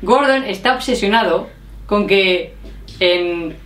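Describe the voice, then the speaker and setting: Woman vlogging, laughs a lot while telling stories, middle pitch, echoey room. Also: slow pace, fairly bright tone. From Spain. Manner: chatty, laughing storyteller. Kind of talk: casual chat. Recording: roomy echo.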